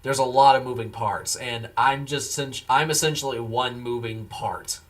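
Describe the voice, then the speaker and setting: A man's voice: mid-range voice, steady tone, moderate pace. A man live streaming, chatting casually with viewers in a laid-back, rambling way. He sounds tired after a long day. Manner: laid-back and rambling, replies to chat messages.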